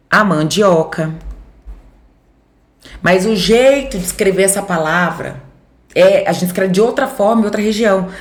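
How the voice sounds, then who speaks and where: A Brazilian woman teacher with a Center-West accent gives a recorded grammar lesson, explaining step by step, checking in with her students and voicing their imagined questions. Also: medium pitch. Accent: Brazilian Portuguese, Center-West. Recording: echoey room.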